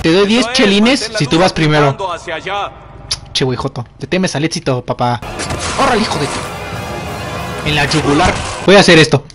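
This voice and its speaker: Young man, Mexican accent, high voice, very lively pitch, slangy jokes, startles easily, game music behind. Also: normal speed. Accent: Mexican Spanish. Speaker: gamer. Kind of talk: let's play commentary.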